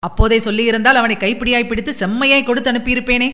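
Woman doing a loud, blunt village farmer. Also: fairly high pitch, fairly even intonation, very fast. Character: plain-spoken adult male village farmer.

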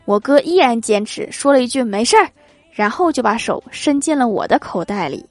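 A woman with a somewhat high voice hosts a comedy show, reading short jokes and acting out the quotes. She chuckles at her own punchlines. Light music plays quietly behind her. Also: animated, a little fast, no room sound. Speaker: host.

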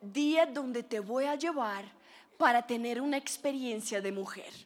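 A woman preacher voicing her mother, speaking in a soft, hushed, coaxing tone to her young daughter. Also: on the high side, a little slow, pitched below the performer's own voice.

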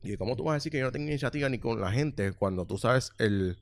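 A man in his thirties with a Puerto Rican accent, telling a workplace story in casual chat and acting out the voices loudly. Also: mid-range voice, fast. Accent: Puerto Rican Spanish. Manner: animated storyteller, acts out quotes loudly, swears freely.

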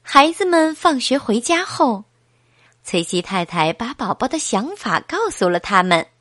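Slow, expressive woman storyteller. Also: fairly high pitch, no room sound, clean studio sound. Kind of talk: children's story reading.

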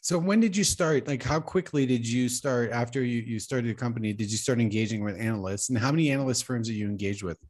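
A man's voice: medium pitch, fast talker, few pauses, darkish tone. A man moderating a business panel, asking questions in a casual conversational style.

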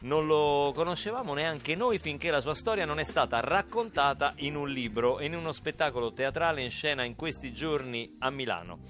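A man hosting a lively radio talk show, playful and animated as he jokes with co-hosts and introduces guests. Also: on the high side, normal speed, few pauses, faint music behind. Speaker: radio host.

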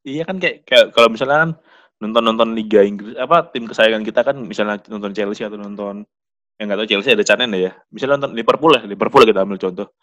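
A young man hosting a casual chat about football, talking quickly and restarting his sentences often. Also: lowish voice, fairly bright tone, highs cut off.

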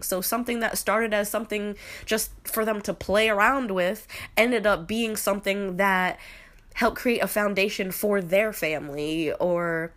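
A podcast host in her late twenties talks through her opinions in a loose, rambling monologue full of fillers and restarts. Her voice is medium-pitched and fairly bright, a bit nasal from a cold.

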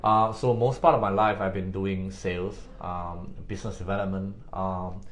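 A man's voice: deep voice, steady tone, normal speed. A man with a Singaporean accent co-hosting a podcast in a casual, conversational style. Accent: Singaporean (Singlish). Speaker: podcast co-host.

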